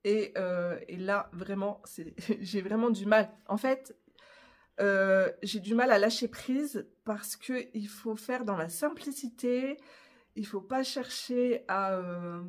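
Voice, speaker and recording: A woman's voice: mid-range voice, takes it slowly. A middle-aged woman from France chatting casually in a craft vlog, rambling with many fillers and swallowing her syllables. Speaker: craft vlogger.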